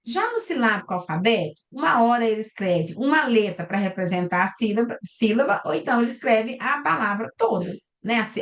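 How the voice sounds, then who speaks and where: A Brazilian Portuguese woman lectures in a recorded online class over a video call, explaining step by step and checking in with students, often ending lines with "tá?" and "né?". Her voice is on the high side with a fairly bright tone, captured by a computer mic.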